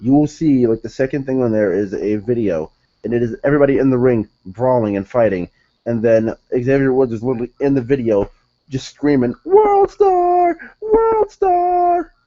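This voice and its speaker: A man's voice: medium pitch, a little fast, dark tone, muffled recording. A young man reviewing a wrestling show in casual solo talk, rambling, correcting himself and sounding exasperated.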